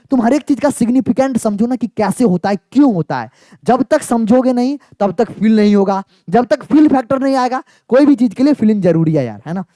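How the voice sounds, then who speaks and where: A man's voice: very high voice, mellow, no echo, studio quality. A man teaching chemistry in a chatty, teasing exam-prep lecture, often asking his students yes or no. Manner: playful, teasing, asks students yes or no again and again.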